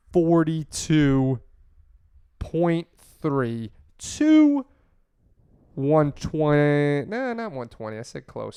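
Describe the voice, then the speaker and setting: A man's voice: a little high, smooth, dry recording, studio quality. A man co-hosting a fantasy football podcast, chatting casually with crude, joking banter. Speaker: podcast co-host. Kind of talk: casual chat.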